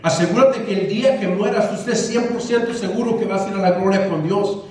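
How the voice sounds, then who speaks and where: A man's voice: sits high, a little fast, darkish tone. A man preaching a sermon as pastor, using emphatic repetition and calling the congregation brothers. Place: church sanctuary. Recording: echoey church hall, mic at a distance.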